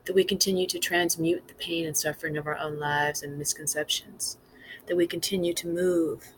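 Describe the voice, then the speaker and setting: A woman with a low, slightly bright voice gives an impromptu spiritual talk as a teacher, earnest and emphatic. She builds her points with repeated phrases. The audio is poor, with clearly audible background noise.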